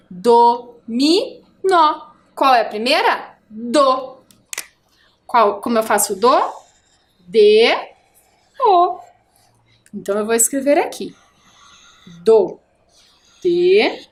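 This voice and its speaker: A woman teacher with a Brazilian Portuguese accent, giving a video lesson to first graders and stretching out syllables in a sing-song way. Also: high voice. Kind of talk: video lesson for young children.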